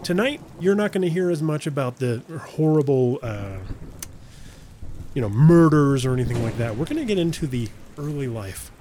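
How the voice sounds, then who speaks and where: A man's voice: fairly high pitch, animated, normal speed, dark tone, slight background noise. A man hosting a casual true-crime podcast, joking, swearing and laughing often as he tells the story. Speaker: podcast host.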